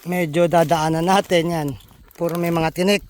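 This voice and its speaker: A man's voice: fairly high pitch, fairly even intonation, normal speed, a little hiss or hum. A man hosting a casual outdoor vlog in a bamboo grove, explaining in a friendly, chatty way and often addressing viewers as buddies. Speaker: vlogger host.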